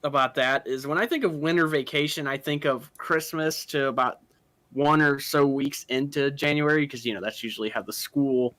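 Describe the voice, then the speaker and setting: A man co-hosting an anime podcast in casual chat, tossing in quick joking asides. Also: medium pitch, fairly bright tone. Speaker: podcast co-host.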